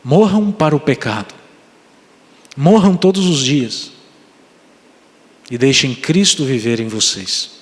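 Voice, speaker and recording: A male pastor delivers an earnest sermon, pleading with his congregation, then moves into prayer. His mid-pitched voice rings out through a church with a long, trailing reverb. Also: lively intonation, takes it slowly, pauses often. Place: church sanctuary.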